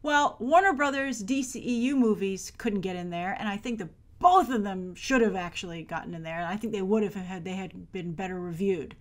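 An American woman in her thirties, a movie news show host, delivers chatty box office commentary straight to camera in a mid-range voice. Her delivery is emphatic, with stressed, drawn-out words.

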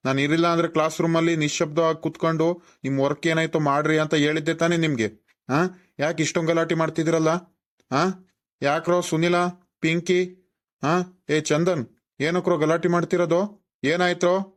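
A man's voice: a little high, little pitch movement, moderate pace, lightly acted. An actor playing a strict but kindly village schoolteacher in a cartoon, with a rural Karnataka Kannada accent, scolding and lecturing his pupils. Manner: scolding then lecturing, repeated questioning "aa?". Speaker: teacher. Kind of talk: cartoon voice acting.

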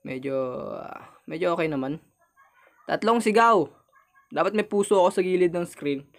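A man's voice: high-pitched, lively intonation, moderate pace. A young man with a Filipino accent giving casual commentary while playing a horror game, chatting with viewers and yelping when startled.

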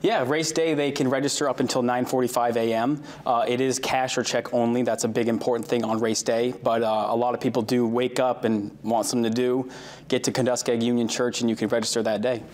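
Brief: quick-talking man in his 30s, TV studio guest, upbeat and casual, lapel mic. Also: mid-range voice, level tone, darkish tone. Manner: quick, upbeat, informal with fillers. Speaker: recreation coordinator guest. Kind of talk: live TV studio interview. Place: TV news studio.

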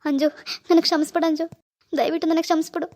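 Cartoon husband, apologetic and pleading, voiced by a woman, high-pitched. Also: flat delivery, fast talker, a little mellow. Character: remorseful husband pleading with his wife. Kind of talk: cartoon voice acting.

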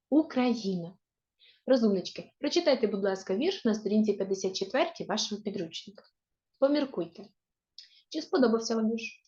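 A woman teacher speaks in a fairly high voice, leading a video lesson for children. She reads words and verses slowly, pressing clearly on each stress. The recording sounds dull and muffled. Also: a little mellow. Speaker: primary school teacher.

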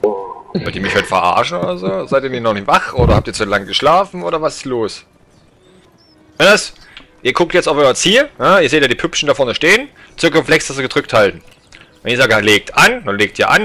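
A man's voice: mid-range voice, sing-song, brisk, bright, forceful tone. A man leading a regiment in an online game, barking military drill commands and scolding his players. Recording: game music and gunfire behind. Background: game music, gunshots.

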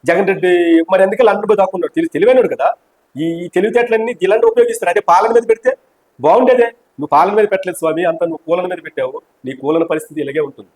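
A man's voice: high-pitched, very fast, darkish tone, low-quality recording. A man in a heated political interview, speaking as an opposition party member in a fiery, mocking and combative way.

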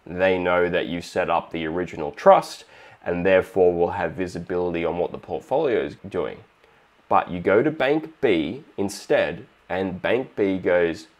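A man with an Australian accent hosting a finance video, explaining step by step and acting out short exchanges with the bank. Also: low voice. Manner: steady explanatory, acts out little dialogues. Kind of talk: explainer monologue.

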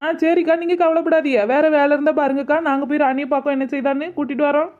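A high-pitched village woman in a cartoon, voiced by a woman teases her friends and gently coaxes others to talk. She, and the recording sounds dull and lo-fi. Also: level tone, rapid-fire, lightly acted. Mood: teasing. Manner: teasing, coaxing. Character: teasing, coaxing village woman. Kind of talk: animated cartoon dubbing.

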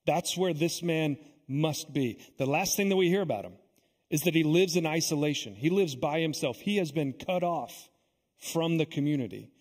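A man preaching in a church sanctuary, his fairly high, slightly husky voice carrying a long echo. He speaks earnestly, slowing down on key words and repeating phrases for weight. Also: lively intonation, darkish tone. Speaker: pastor. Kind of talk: sermon.

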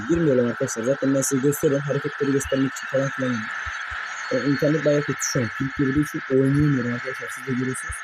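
A young man commentating his own mobile football match for viewers, excitable and quick to curse at his players in frustration. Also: a little high, heavy background noise. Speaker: gaming YouTuber.

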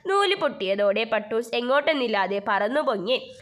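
A woman's voice: fairly high pitch, animated, moderate pace, a bit bright. A woman teacher reading out a school textbook story and explaining it, with lots of fillers.

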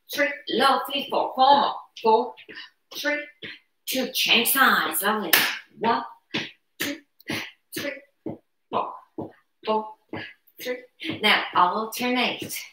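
A woman's voice: a little high, pushed and bright. A middle-aged woman leading an exercise class, energetically counting reps and calling short encouraging cues. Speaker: aerobics instructor leading chair exercises. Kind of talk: live fitness class coaching. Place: brick-walled living room at home. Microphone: camera a few metres away. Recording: roomy echo, distant camera microphone.

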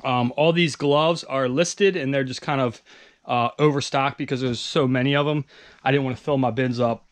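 A man's voice: mid-range voice, fairly even intonation, normal speed. A man casually walking through his basement resale stock in a vlog, loose and rambling with lots of fillers. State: out of breath. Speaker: online reseller vlogger. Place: home basement storage room.

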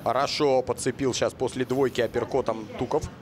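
A man's voice: mid-range voice, steady tone, a little fast. A man giving live sports commentary as a boxing co-commentator. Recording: arena crowd noise behind voice. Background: boxing crowd.

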